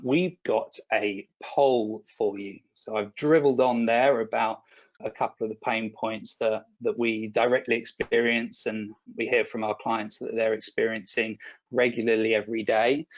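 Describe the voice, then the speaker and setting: Chatty man presenting a webinar, slightly muffled. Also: medium pitch. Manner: chatty, self-deprecating, repeats words when restarting.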